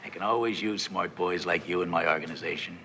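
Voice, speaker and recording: An actor playing a condescending racketeer boss in a TV comedy, sly and patronizing. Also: male voice, low-pitched, steady tone, fast, a loud crowd. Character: smooth, condescending male racketeer boss of teenage hoodlums. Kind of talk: TV comedy villain acting.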